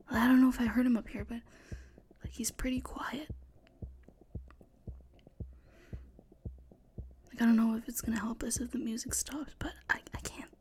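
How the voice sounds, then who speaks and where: A young woman voicing a panicked sorority sister hiding from a killer, talking in hushed, frantic whispers and swearing often. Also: a little high. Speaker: voice actor in an audio roleplay. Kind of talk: one-sided audio roleplay.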